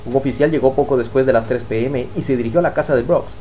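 A man reading a scripted news voice-over in a brisk, even delivery. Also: medium pitch. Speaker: news narrator. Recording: studio voice-over with faint music.

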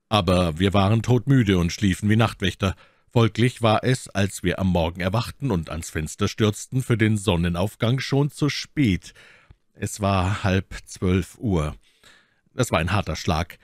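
A man reading a classic travel story aloud as an audiobook narrator, in a measured, dry storytelling manner. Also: low voice, no room sound. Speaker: audiobook reader.

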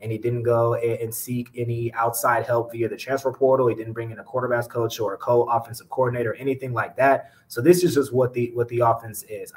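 A young man, a sports reporter, giving measured postgame analysis on a podcast over a video call. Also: medium pitch, low-quality recording. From Georgia, US. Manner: measured, explanatory, steady. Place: small indoor room. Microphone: webcam on a video call.

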